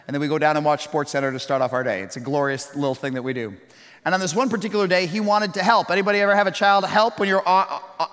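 Man, 30s, pastor, sermon, slightly raised pitch, long hall reverb, loud-to-hushed delivery. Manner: swings from loud storytelling to hushed, slow reflection.

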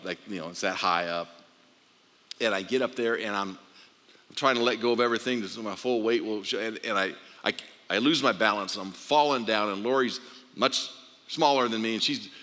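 A man giving a personal testimony talk, halting and repeating words as he tells an emotional story. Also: on the low side, pushed and bright. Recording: long hall reverb.

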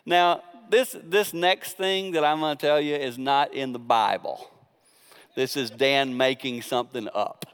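Man, preacher, sermon, animated colloquial storytelling, smooth high voice, long reverb. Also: a little slow.

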